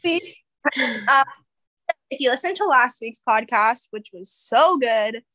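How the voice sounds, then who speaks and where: Relaxed young woman co-host. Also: a little high, slow pace. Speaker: podcast co-host. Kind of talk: casual chat.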